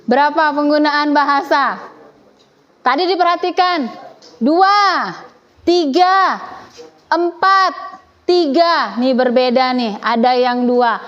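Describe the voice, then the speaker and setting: A woman teacher leading a classroom, questioning and gently teasing her students as she runs the lesson. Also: high-pitched, slow pace, pauses often, highs cut off. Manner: playful, teasing, coaxing students.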